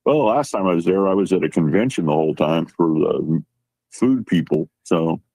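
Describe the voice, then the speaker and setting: A man's voice: deep voice, lively intonation, moderate pace, dark tone, breathy edge, dry recording, low-quality recording. A man guest chatting casually, telling a rambling anecdote and acting out the quoted lines. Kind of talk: casual chat.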